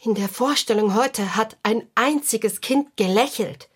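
A woman's voice: fairly high pitch, a little slow, breathy edge. An actress playing a grumpy, gloomy female clown in a children's radio play, talking in a sulky, self-pitying way. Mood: glum.

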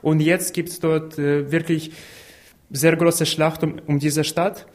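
A man of twenty-two, speaking earnestly and haltingly as an interview guest, with small slips in his grammar. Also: fairly high pitch, little pitch movement. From Ukraine. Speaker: interview guest, law student. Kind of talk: personal interview talk.

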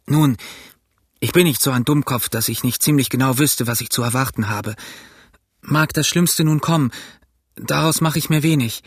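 A man's voice: medium pitch, moderate pace, long pauses, breathy edge, dry recording. A man reading an audiobook, voicing a young ship's boy who speaks out in agitated, breathless defiance, recorded dry and close. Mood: defiant.

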